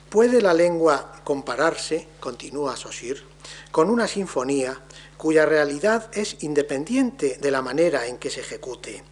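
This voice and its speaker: A man gives a formal academic lecture on linguistics, speaking in a measured, deliberate way as his phrases trail off softly. His voice is a little high and husky.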